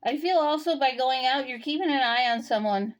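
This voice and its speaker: A woman giving an intuitive tarot reading, musing and talking straight to the listener with pauses and fillers. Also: high-pitched, dull audio. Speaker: tarot reader.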